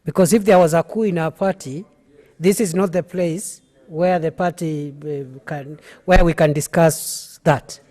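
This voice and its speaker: Mellow, higher-voiced Kenyan man presiding. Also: a little slow. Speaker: speaker presiding over the senate. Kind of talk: procedural rulings from the chair.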